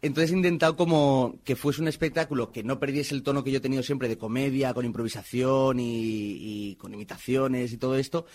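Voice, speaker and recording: A young man from Spain answers interview questions in a loose, chatty way. He stops and restarts often, fills gaps with small hesitations, and his voice sits at a middle pitch. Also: fairly quick, hardly any pauses. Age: 20s. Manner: animated storytelling with many restarts and fillers. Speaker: interviewed actor and magician. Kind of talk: casual interview.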